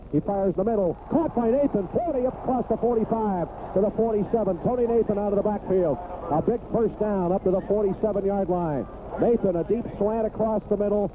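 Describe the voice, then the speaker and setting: On a tinny 1980s radio broadcast with clear background noise, a high-voiced American man calls a football game live. His play-by-play comes in short, clipped phrases that swell into excited calls.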